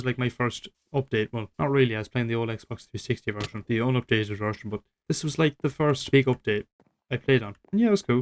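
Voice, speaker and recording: A gaming YouTuber, a 19-year-old man with a mid-range voice, rambles reflectively over gameplay. He swears casually and pokes fun at himself, and his voice trails off quietly.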